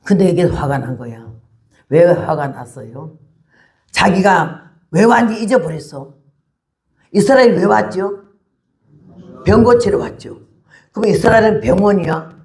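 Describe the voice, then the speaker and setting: An elderly woman in her eighties delivers a lively testimony sermon as a missionary preacher. Her voice is gravelly and textured. She keeps the story moving with animated pacing and a steady run of rhetorical questions to her listeners. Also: on the low side, unhurried, pauses often. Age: 80s.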